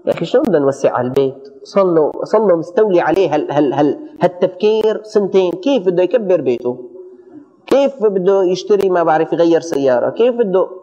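A man giving a colloquial religious lesson, animated, often stumbling and repeating words for emphasis. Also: sits high, quick pace. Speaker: religious teacher. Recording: dull audio with long hall reverb.

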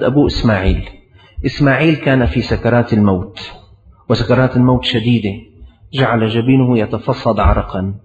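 A man delivers a storytelling sermon, hammering his points home through repeated phrases. His voice sits at an ordinary middle pitch. The recording carries a long hall reverb and a dull, lo-fi tone. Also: darkish tone. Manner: storytelling, repetitive emphatic phrasing. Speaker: preacher.

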